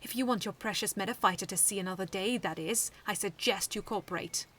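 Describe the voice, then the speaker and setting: A woman voicing a sneering male gang leader villain, taunting and loud, in a fanfiction read aloud. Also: mid-range voice, brisk, slight background noise, lightly acted. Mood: threatening.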